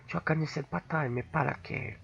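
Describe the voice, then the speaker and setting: A man voicing a scheming middle-aged male crime boss with a put-on Italian accent, speaking slowly and theatrically. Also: fairly high pitch, vocal fry, fairly bright tone, breathy edge, lo-fi sound, exaggerated voice. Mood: menacing.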